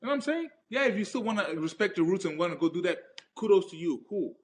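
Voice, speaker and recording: A man in a casual podcast debate, emphatic and animated, with a lot of "bro" and repeated points. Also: high voice, fast, a little hiss or hum. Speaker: podcast co-host.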